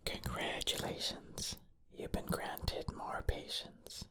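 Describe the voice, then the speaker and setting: A whispered ASMR pep talk of affirmations, delivered with playful, tongue-in-cheek encouragement in a breathy voice. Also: slow pace, bright, forceful tone. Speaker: ASMR host.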